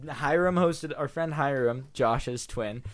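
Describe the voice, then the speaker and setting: A man's voice: mid-range voice, takes it slowly. Young man chatting casually. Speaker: podcast co-host. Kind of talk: casual chat.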